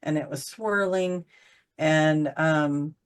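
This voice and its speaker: A woman's voice: sits low, takes it slowly, clear, resonant tone. A woman in casual conversation about spiritual channeling, rambling and searching for words with many fillers. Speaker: channeler co-host.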